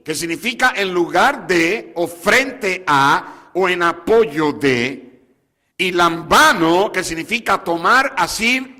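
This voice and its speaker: High, bright-voiced preaching pastor. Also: male voice. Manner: preaches with questions to the congregation, mixing in English words. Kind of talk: sermon. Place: church sanctuary. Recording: long hall reverb.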